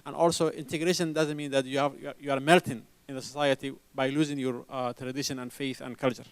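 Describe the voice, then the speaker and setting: A man from Somalia speaking as a conference panelist. He answers haltingly, with many repeated restarts and fillers. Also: medium pitch, little pitch movement, smooth, no echo. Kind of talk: panel answer to an audience question.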